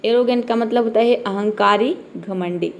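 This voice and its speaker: A woman teaching English vocabulary in a spoken lesson. She spells each word letter by letter, slows down on the English words, and keeps checking in with "theek hai". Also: fairly high pitch.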